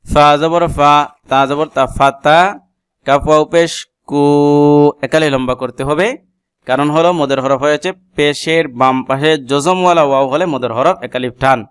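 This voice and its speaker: A man's voice: a little high, steady tone, moderate pace, a bit bright, clear, resonant tone, no room sound, studio quality. A man who speaks Bengali as his first language and teaches Quran reading, spelling out letters and vowel marks and then explaining each tajweed rule. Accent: Bangladeshi. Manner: chants the Arabic verse in a melodic recitation. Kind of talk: spelled-out Quran recitation lesson.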